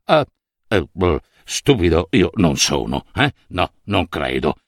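Guy doing a nervous official muttering under his breath, deep and halting, storybook. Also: big pitch swings, no room sound, studio quality, exaggerated voice. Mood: uneasy mumbling. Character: worried male court official, mumbling to himself.

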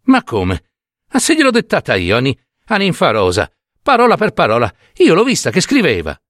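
A man voicing a frantic, heartbroken poor old mother in a story reading, with high, strained wailing cries. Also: huge pitch swings, normal speed, a bit bright, dry recording, clean studio sound. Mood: bewildered. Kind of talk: dramatic audiobook reading.

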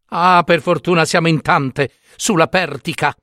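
A man voicing a shrill, scandalized gossiping hen. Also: steady tone, a little slow, bright, forceful tone, dry recording, clean studio sound. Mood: alarmed. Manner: breathless, exclaiming, rising to a squeal. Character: excitable gossiping hen, female, shrill and dramatic.

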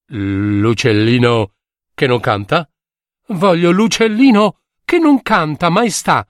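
A man's voice: a little high, lively intonation, slow, no room sound, clean studio sound. A man doing a sickly listless young prince. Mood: pleading. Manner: weak, listless, pleading.

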